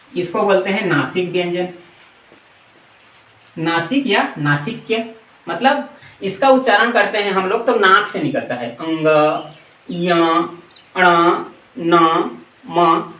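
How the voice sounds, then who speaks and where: High-voiced man teaching in an echoey room. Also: animated, fairly bright tone, recorded from a distance. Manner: asks rhetorical questions and answers them himself; recites letters slowly one by one. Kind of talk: grammar lesson.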